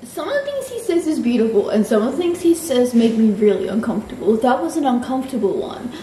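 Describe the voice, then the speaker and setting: A young woman with an Australian accent talks in a loose, frank way, sprinkling in swear words and fillers. Her voice sits a little higher than most women's. The sound bounces around a roomy space at home. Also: big pitch swings, quick pace, noisy background. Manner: chatty, frank, swears freely, lots of filler likes. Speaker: book vlogger. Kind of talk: casual reading vlog chat. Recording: roomy echo.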